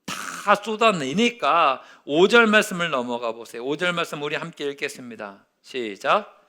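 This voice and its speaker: A male pastor preaching a sermon, telling a story and acting out its quotes, dropping to a hush and rising loud again. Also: fairly high pitch, lively intonation, moderate pace. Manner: storytelling with acted-out quotes, swinging from hushed to loud.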